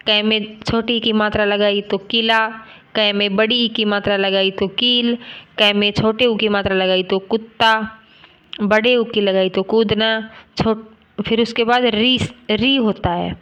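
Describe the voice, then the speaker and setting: A woman's voice: medium pitch, steady tone, unhurried, smooth, muffled recording. A woman teaching a grammar lesson, patiently explaining and sounding out letters one by one.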